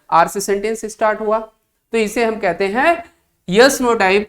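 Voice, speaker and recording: A woman with an Indian accent teaching an English grammar lesson in Hindi. She keeps putting quick questions to her students and repeating the answers. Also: medium pitch. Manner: mixes Hindi explanation with English terms. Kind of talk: online coaching class lecture.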